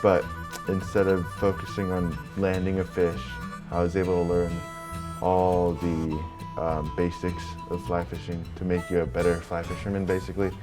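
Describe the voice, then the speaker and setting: A young man from Hong Kong speaks in a low, easygoing voice. His talk is relaxed and full of fillers, the way a student explains a hobby on camera. Guitar music plays clearly underneath. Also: normal speed. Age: young adult. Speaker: college student fly fisher. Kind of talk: documentary interview and on-location talk. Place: outdoors by a river.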